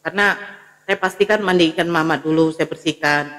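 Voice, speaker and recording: A woman's voice: deep voice, a little fast, a bit bright. Woman telling a story in a reverberant room. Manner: vivid retelling that acts out family dialogue. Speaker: guest giving a testimony. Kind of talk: emotional personal storytelling.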